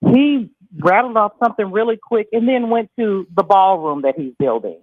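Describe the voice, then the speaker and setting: Female caller on a phone line, earnest and measured, dry close sound. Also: mid-range voice, lively intonation, no room sound. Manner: earnest, measured, with frequent ums. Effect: over the phone, muffled at first. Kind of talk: call-in radio talk.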